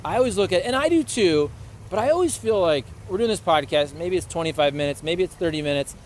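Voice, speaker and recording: A man in his late thirties co-hosting a podcast in relaxed, chatty conversation. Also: high-pitched, fast, a little hiss or hum. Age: 30s. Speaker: podcast co-host. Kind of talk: casual chat.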